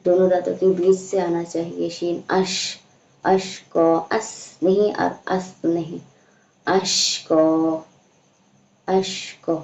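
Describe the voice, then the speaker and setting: A woman teaching a slow, patient recitation lesson, explaining each sound and stretching out the recited words. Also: lowish voice, flat delivery, gravelly, dark tone. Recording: echoey room, dull lo-fi sound.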